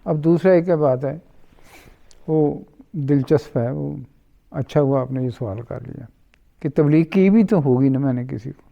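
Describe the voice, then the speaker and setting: A man's voice: medium pitch, vocal fry. A middle-aged man, an interview guest who tells his stories unhurriedly and acts out the other people's lines in dialogue. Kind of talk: storytelling in conversation. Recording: dull lo-fi recording.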